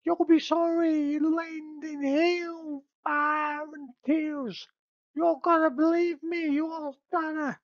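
A man voicing a shrill, doom-crying prophetess woman who pleads to be believed. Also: level tone, slow pace. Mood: wailing. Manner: wailing, pleading. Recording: slightly muffled dry recording.

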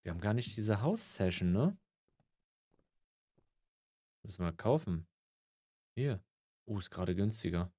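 A man's voice: lowish voice, lively intonation, unhurried, long pauses, darkish tone, no echo, studio quality. A man giving casual gameplay commentary, grumbling and swearing, with mock-polite greetings to customers. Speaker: gaming let's player.

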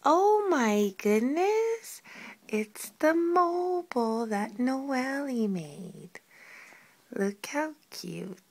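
A woman's voice: sits high, big pitch swings, drawn-out words, creaky, a little mellow. A young woman talking to her baby at home in a sing-song baby-talk voice, filmed on a handheld phone. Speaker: parent filming her baby. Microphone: handheld phone camera.

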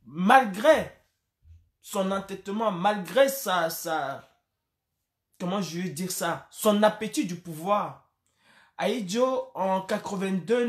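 A man, speaking straight to the camera in an impassioned, emphatic address, with frequent hesitations. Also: sits high. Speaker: political commentator. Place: indoor room against a plain wall. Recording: echoey room.

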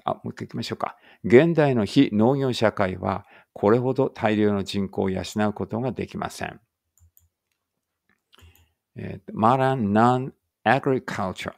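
Close-miked and dry, with no room sound at all, a gravelly, low-voiced English teacher runs an easygoing read-aloud lesson. He muses aloud, fixes his own slips, and takes each English line slowly and with care.

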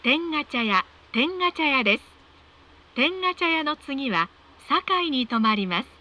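High, bright female train announcer. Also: big pitch swings. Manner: polite, measured, formal. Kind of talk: scripted automated train announcement.

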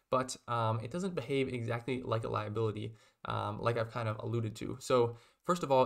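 A young investing video host in his twenties, with a gravelly, medium-pitched voice, explains investing lessons casually to his webcam in a small room. His delivery stays steady despite frequent fillers like "um" and "kind of."

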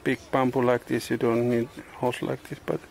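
A middle-aged man, not a native English speaker, vlogging outdoors on a tropical farm. His English is halting, with many pauses and uh's, and the camera is held at arm's length. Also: mid-range voice, flat delivery, vocal fry, a little mellow, a little hiss or hum. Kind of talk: casual vlog narration. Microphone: handheld camera selfie and tripod camera.

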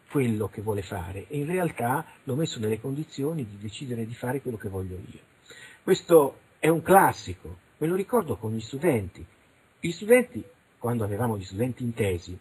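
Middle-aged man, husky and very rough, animated interview guest. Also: medium pitch, low-quality recording. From Italy. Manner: animated, frank, acts out little dialogues. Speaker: interviewed researcher. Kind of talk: radio interview, casual monologue.

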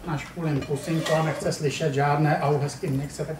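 In a live puppet show at a family centre playroom, a man voices a shy, sad young puppy that sounds timid, eager, and hesitant. His natural voice sits on the high side with little pitch movement, recorded from far off in an echoey room with a noisy audience.

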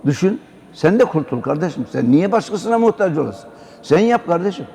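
A man's voice: high-pitched, big pitch swings, a little fast, gravelly, warm tone. Older man preaching in an echoing hall. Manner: exhortative, repeatedly addressing listeners as brother. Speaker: Islamic scholar giving a religious talk. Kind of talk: religious sermon-style talk. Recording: long hall reverb, faint background noise.

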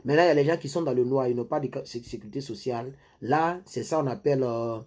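Husky man giving life advice. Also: mid-range voice, quick pace, darkish tone. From Ivory Coast. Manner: rambling, repeats himself, addresses viewers directly. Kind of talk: casual advice monologue.

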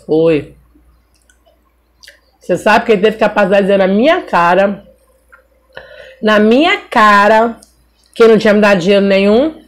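A middle-aged Brazilian woman telling a personal story in a casual, animated way while eating on camera. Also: medium pitch, moderate pace, pauses often. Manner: animated, acts out voices of people in her story. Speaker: mukbang vlogger.

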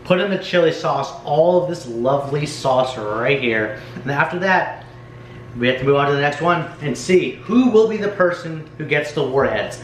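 A man's voice: fairly high pitch, animated, normal speed, slight background noise. A young American man chatting casually to camera as host of a challenge video, slangy and prone to swearing. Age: young adult. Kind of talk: casual vlog chat to camera. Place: home kitchen, indoors. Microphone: camera mic a few feet away. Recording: echoey kitchen, faint music behind.

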